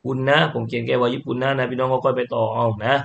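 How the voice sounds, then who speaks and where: A man teaching Quran reading, explaining each sound slowly and then chanting the syllables louder and higher. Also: flat delivery, creaky, dull audio, slight background noise.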